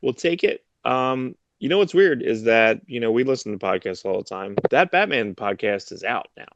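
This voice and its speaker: The recording is dry and muffled as a man in his thirties, speaking at normal speed with lively intonation and vocal fry, co-hosts a comics podcast. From home on a headset over a video call, he chats casually about comics news in a low-key, rambling way, frequently restarting.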